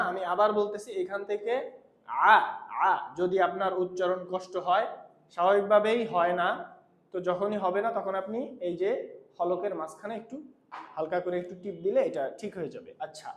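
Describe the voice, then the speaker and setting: A man teaching Quran recitation, patiently correcting a student's pronunciation and repeating phrases slowly. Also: sits high, fairly even intonation, fairly bright tone, roomy sound. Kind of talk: patient tutoring lesson.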